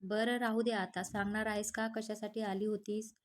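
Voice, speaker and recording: A woman voicing a young male psychiatrist, calm but curt and protective, in a read-aloud storybook. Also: medium pitch, normal speed, lightly acted. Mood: mock-stern. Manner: curt, scolding.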